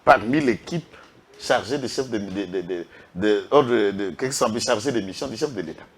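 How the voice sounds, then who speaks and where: A man's voice: fairly low pitch, moderate pace, a little hiss or hum. A man with a Congolese French accent giving impassioned political commentary, emphatic and full of rhetorical questions. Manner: emphatic, rhetorical questions, lists names with a repeated "est qui?".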